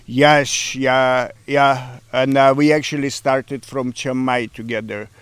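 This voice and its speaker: Middle-aged Ukrainian-accented man, smooth voice. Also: medium pitch, fairly even intonation, slow, no room sound. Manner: hesitant, many fillers, broken grammar. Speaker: interviewee, café owner. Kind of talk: casual interview.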